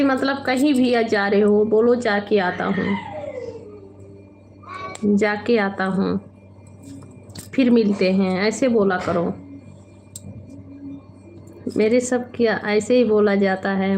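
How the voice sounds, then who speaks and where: Woman, live stream host, relaxed drawn-out delivery, mid-pitched, chatty and mildly reproving. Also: a little hiss or hum. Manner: unhurried, chatty, gently scolding viewers. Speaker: live stream host reading viewer comments. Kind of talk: casual live stream chat. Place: home, at night.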